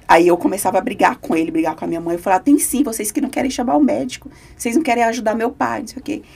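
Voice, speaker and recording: A woman's voice: on the high side, very fast, gravelly, a little mellow, breathy edge. A woman, a podcast guest giving an earnest, emotional personal testimony.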